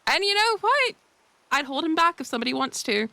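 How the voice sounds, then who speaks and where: A giggly woman chatting in character for a roleplay server, stumbling over restarts as she goes. Her voice is high, bright and swoops around a lot, recorded very dry and close to the mic. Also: big pitch swings, fairly quick, creaky, no echo. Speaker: roleplay server player and channel host.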